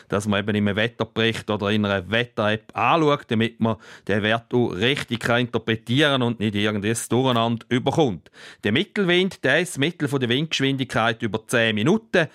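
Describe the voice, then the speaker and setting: A man with a Swiss accent speaks in a calm, explanatory way as a meteorologist on a radio show. His voice sits at a medium pitch, and he often stops briefly with hesitations as he goes through the details.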